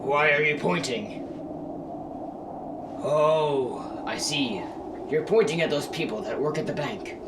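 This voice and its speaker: A performer plays a Scrooge-like tomcat in a radio play, theatrical and exclamatory. The mid-pitched voice pleads with melodrama, a little away from the mic in a roomy space with faint noise. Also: slow pace, long pauses, distant mic, natural voice. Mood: uneasy. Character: theatrical miserly male cat Scrooge, fearful then joyfully repentant. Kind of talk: holiday radio play acting.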